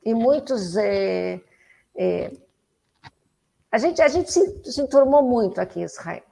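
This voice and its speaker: A woman in her fifties with a Brazilian Portuguese accent, telling her story as an interview guest, animated and full of restarts. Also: a little high, slow, creaky, husky. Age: 50s. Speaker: interview guest, political activist. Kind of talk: casual conversational interview.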